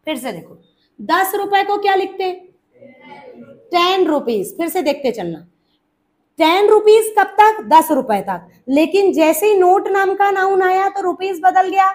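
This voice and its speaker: A woman with a very high voice leads an English grammar class, speaking slowly and deliberately and going over each point repeatedly. She keeps questioning her students and addresses them as child.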